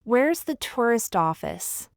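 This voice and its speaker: A woman reading short everyday phrases one at a time for language learners, slow and deliberate. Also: a little high, very animated, vocal fry, no echo, studio quality. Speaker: language teacher.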